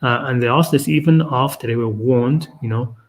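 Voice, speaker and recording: A man hosting a Quran reflection stream, reasoning aloud in a halting way, with many "um"s and a frequent checking "okay?". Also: medium pitch. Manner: reasoning aloud, explaining to listeners. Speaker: host of a Quran reflection series. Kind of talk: unscripted live-stream reflection.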